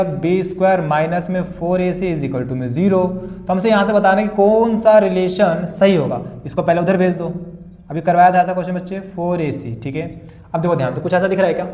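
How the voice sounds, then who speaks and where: A man's voice: high voice, a little fast, mellow. A young male maths teacher solving board-exam problems, calling students "beta" and "bhaiya" and asking and answering his own questions. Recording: echoey room.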